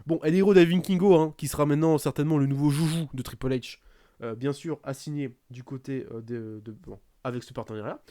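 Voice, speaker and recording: A man hosting a wrestling podcast in casual chat, sarcastic and animated, with lots of fillers. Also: on the high side, fairly quick, dry recording, studio quality. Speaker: podcast host.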